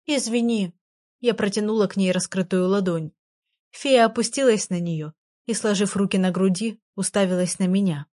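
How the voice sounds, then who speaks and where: A woman's voice: mid-range voice, normal speed, warm tone. Woman narrating a storybook. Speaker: audiobook narrator. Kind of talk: first-person storybook narration.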